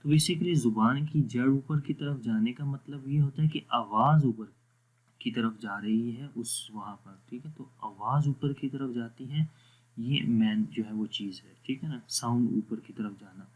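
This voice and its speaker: A man with an Urdu accent teaching Quran pronunciation in an online tajweed lesson. He explains patiently, checks that students follow, and slowly stretches out letters in practice drills. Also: mid-range voice, narrow, tinny audio. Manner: patient, explanatory, repeats "theek hai" to check understanding; drawn-out slow recitation of letter drills.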